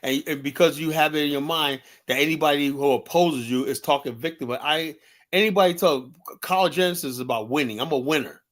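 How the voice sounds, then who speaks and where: A little high and a bit bright, the host's voice comes fast and brisk. The American man is doing combative live-stream commentary, swearing, arguing bluntly and repeating "you know."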